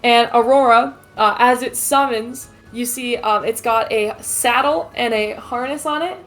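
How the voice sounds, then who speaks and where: A woman's voice: fairly high pitch, measured pace, faint music behind. A woman narrating as game master of a tabletop game, loose and profane, often laughing.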